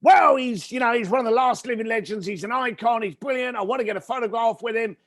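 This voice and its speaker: A man voicing a brash, excitable New York caller full of bravado. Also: sits high, very fast, creaky, pitched above the performer's own voice. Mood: excited. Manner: pushy bravado.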